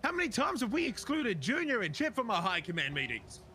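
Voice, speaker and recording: Aggrieved man with high, animated voice. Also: brisk, a little hiss or hum. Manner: aggrieved, argumentative, sweary. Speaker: role-play gamer playing a biker club member. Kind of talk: improvised online game role-play, argument.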